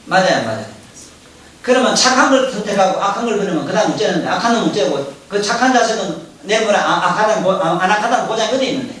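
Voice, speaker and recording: A man with a giving a Buddhist sermon, animated and full of rhetorical questions put straight to his listeners. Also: sits high, fast. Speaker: Buddhist dharma teacher. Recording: very echoey, distant mic, faint hiss.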